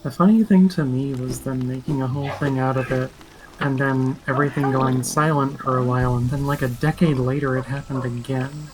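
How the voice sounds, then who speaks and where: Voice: mid-range voice, fairly even intonation, fairly quick, darkish tone, a little hiss or hum, rough recording. A companion chatting with the streamer in a dry, matter-of-fact, teasing way. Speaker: co-commentator sitting with the streamer. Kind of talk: casual chat.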